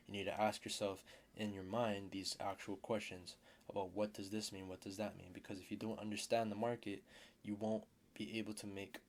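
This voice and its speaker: A man's voice: on the low side, a little mellow, slight background noise. A man teaching a casual trading lesson as a mentor, blunt, swearing now and then and repeating key terms.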